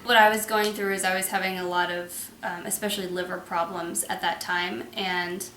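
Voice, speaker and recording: Bright-voiced woman telling a story. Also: lowish voice, fairly even intonation, normal speed, reverberant, a little hiss or hum. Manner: frank, laughs often. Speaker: vlogger. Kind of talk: casual storytelling chat.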